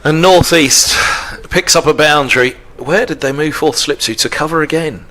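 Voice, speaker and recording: A man's voice: fairly high pitch, moderate pace, pushed and bright. A man giving live cricket commentary with conversational, understated asides between deliveries.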